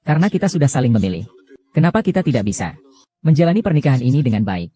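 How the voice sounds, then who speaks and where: A man's voice: medium pitch, very animated, rapid-fire, dark tone, faint music behind, close to an everyday voice. A man dubbing a drama role: an earnest young husband who pleads with his wife not to end their marriage. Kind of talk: dubbed drama acting.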